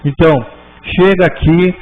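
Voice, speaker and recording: A man's voice: high-pitched, fairly even intonation. A man teaching a spiritist class in a conversational way, often tagging sentences with "né?" and restarting them. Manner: conversational, frequent "né?" tags, halting restarts. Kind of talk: informal class talk. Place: spiritist center auditorium. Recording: tinny lo-fi with faint hum.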